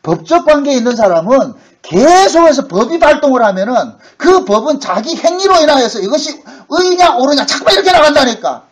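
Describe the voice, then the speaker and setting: A man preaching a sermon as pastor, talking in a colloquial way and acting out quoted voices, from loud bursts to hushed asides. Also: very high voice, very animated, a little fast, hardly any pauses, poor audio. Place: church sanctuary.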